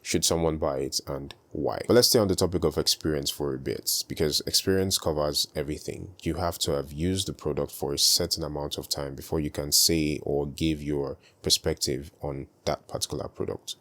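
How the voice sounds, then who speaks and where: Calm, quiet and unhurried, a young man with a notably deep voice guides viewers through a relaxed tutorial vlog he created.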